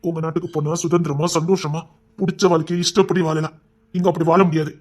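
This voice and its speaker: A man's voice: on the high side, level tone, natural voice. A man playing a young rowdy who broods over a past heartbreak and scolds a woman for coming back. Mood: firm. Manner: scolding, rapid, exasperated. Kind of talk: amateur romance drama acting.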